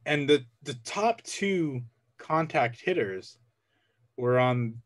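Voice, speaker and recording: A man's voice: mid-range voice, lively intonation, takes it slowly. A young man co-hosting a casual sports podcast, wry and joking, repeating phrases for effect. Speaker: podcast co-host.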